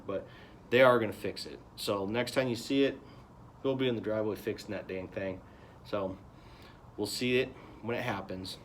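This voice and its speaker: A man's voice: on the low side, slight background noise. A man hosting a homestead vlog, chatting to the camera outdoors in a folksy, joking way. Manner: folksy, joking, talks straight to viewers. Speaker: homestead vlogger. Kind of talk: casual vlog talk to camera.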